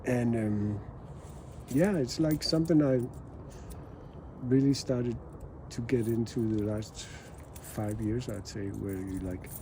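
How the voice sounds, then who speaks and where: Man from Denmark, mellow voice, soft halting speech, interview guest, faint household noise. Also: medium pitch. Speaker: jazz musician guest. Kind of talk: relaxed interview talk.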